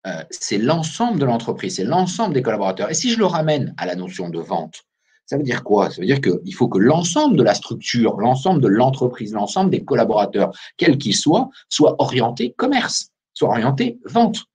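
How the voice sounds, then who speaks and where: This recruiter hosts a lively business webinar through a video call microphone, firing questions directly at his audience. His voice is medium-pitched, darkish and slightly rough, and he speaks fairly quickly and very animatedly.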